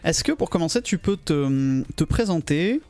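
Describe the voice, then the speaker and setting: A man's voice: a little high, animated, moderate pace, a little mellow, faint music behind. A man hosting a casual interview podcast, speaking in a chatty, teasing way. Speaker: podcast host.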